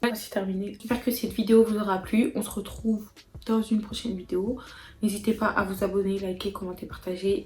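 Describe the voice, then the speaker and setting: A young woman with a French accent answering viewer questions in a casual vlog, emphatic and animated, repeating words for emphasis. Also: mid-range voice, echoey room. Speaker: vlogger.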